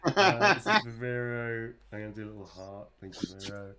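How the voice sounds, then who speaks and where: A man's voice: medium pitch, very animated, fairly quick, a crowd in the background. A man chatting casually while signing and drawing for fans, self-mocking and often laughing. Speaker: voice actor signing fan requests.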